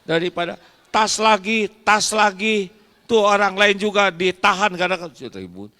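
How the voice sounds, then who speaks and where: A man's voice: high-pitched, normal speed. A man preaching a humorous sermon, telling jokey stories. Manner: jokey, animated storytelling. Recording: long reverb of a large hall.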